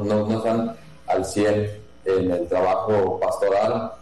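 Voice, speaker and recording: Slow, dark-voiced Mexican priest. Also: male voice, fairly low pitch. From Mexico, Jalisco. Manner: slow, halting, many fillers and restarts. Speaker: priest in charge of a seminary. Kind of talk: interview answers. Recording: echoey room with mains hum.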